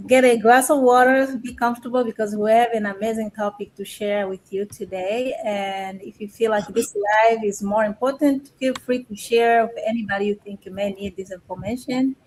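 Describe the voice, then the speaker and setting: A woman's voice: on the high side, fairly even intonation, moderate pace, hardly any pauses, darkish tone, a little hiss or hum, low-quality recording. A woman from Congo welcoming live stream viewers with enthusiasm.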